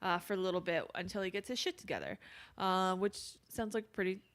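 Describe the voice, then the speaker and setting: A woman co-hosting a podcast, telling a true-crime story in casual chat, with lots of fillers and quick quoted asides. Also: medium pitch. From not from England. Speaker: podcast co-host.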